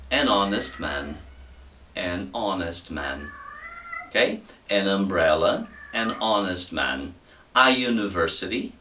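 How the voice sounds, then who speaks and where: A man's voice: lowish voice, fairly bright tone, distant mic. Man, English teacher, casual lesson tone, repeats and checks understanding, echoey room sound. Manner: patient, repeats examples, frequent "ok?" and "tá?" checks.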